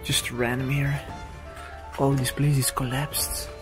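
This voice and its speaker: Speaking into his handheld camera's mic, this urban explorer gives casual, chatty commentary as he tours an abandoned villa outside, eager and full of fillers. His medium-pitched voice barely moves in pitch and goes at a slow pace, with music in the background.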